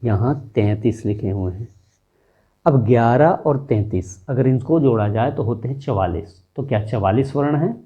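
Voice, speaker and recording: A man's voice: mid-range voice, husky, phone-quality sound. A man teaching a Hindi grammar lesson, reciting letters one by one and counting them aloud. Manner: deliberate, explanatory. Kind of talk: slow classroom lesson.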